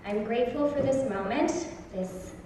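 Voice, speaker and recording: A woman's voice: fairly high pitch, measured pace, noisy background. Impassioned woman giving a speech in a hall. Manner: earnest and impassioned, with stresses on key words. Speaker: festival host. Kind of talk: prepared opening speech. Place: large theatre stage. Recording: echoey hall recorded from far off.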